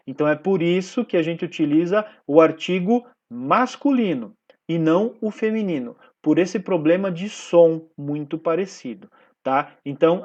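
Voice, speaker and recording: A man's voice: on the high side, darkish tone, dull audio. A man with a Brazilian Portuguese accent teaching a recorded class lesson, explaining step by step and checking in with the class after nearly every point. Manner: explanatory, checks in with frequent tag questions. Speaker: Spanish teacher.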